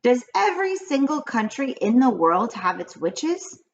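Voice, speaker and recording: A woman reads a children's storybook aloud, voicing an anxious, curious young grandchild who asks questions with wide-eyed eagerness. Her voice sits a little high and is pushed upward, with big swings in pitch and a slightly slow pace. The highs in the recording are cut off.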